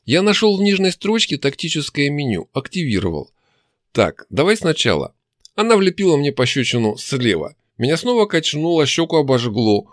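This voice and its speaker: A man narrating a first-person fantasy audiobook, with expressive, animated storytelling. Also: a little high, brisk, hardly any pauses, no echo, studio quality.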